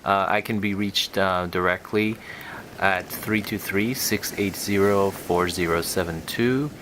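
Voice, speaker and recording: This hypnotherapist's voice is low-pitched and fairly bright, moving at a measured pace as he leads a guided relaxation. He speaks in a soothing, hypnotic manner over relaxation music and rain sounds, and there is slight background noise.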